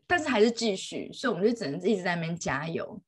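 A woman's voice: medium pitch, animated, fast talker, a crowd in the background. A woman, a mother telling a story in casual chat, laughing often.

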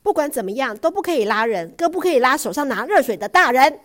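A woman's voice: medium pitch, sing-song, fairly quick, darkish tone. A woman doing a stern caring father.

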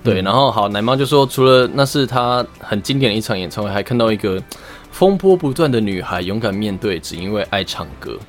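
A man's voice: lowish voice, animated, a little fast, few pauses. A man with a Taiwanese accent hosting a podcast in a casual, conversational style. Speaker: podcast host. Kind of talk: casual chat.

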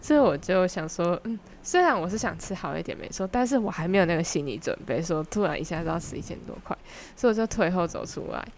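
A woman's voice: lowish voice, quick pace, hardly any pauses, a little hiss or hum. Chatty young Taiwanese woman telling a story. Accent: Taiwanese Mandarin. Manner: animated, chatty, giggly storytelling. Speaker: podcast host. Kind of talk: casual storytelling chat.

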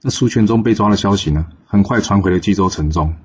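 A man's voice: on the low side, quick pace, breathy edge, muffled recording. A man telling a classic tale in a casual, chatty storytelling manner with many fillers. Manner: chatty, filler-heavy narration.

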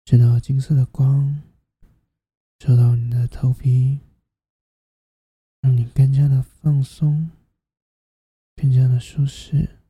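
A host narrating a guided sleep meditation like a sleep story narrator, in a soft, soothing, half-whispered delivery. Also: mid-range voice, flat delivery, takes it slowly, pauses often, slightly rough, dry recording.

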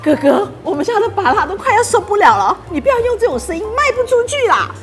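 A woman voicing a bright little girl, chirpy and teasing. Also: very high voice, big pitch swings, fast talker, faint music behind, voice pushed up.

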